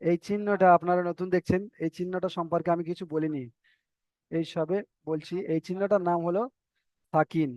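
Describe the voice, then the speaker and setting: A male teacher, giving a step-by-step recitation lesson, spelling out letters slowly and repeating syllables. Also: sits high, fairly even intonation, a little mellow, no room sound. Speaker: Quran reading teacher.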